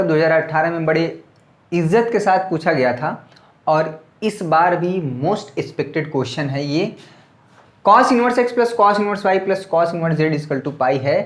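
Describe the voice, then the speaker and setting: At a board, a man with a slightly sore throat teaches a maths lesson in a chatty, casual way, repeatedly asking students things like "clear?" to make sure they follow. His voice is a little high and sounds reverberant.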